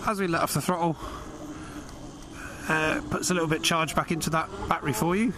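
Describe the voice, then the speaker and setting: A man with a fairly high-pitched voice gives a casual review from inside a motorcycle helmet. He talks as he rides along an open road, and clear wind and vehicle noise surrounds his voice. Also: steady tone, brisk. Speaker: vlogger test-riding a motorcycle. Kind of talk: casual spoken review while riding.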